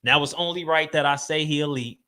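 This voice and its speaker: A man's voice: fairly high pitch, fairly quick, very noisy. A young adult man from Chicago hosting a casual sports podcast with a cold, stuffed up, ranting emphatically in loose slang with lots of fillers. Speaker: podcast host.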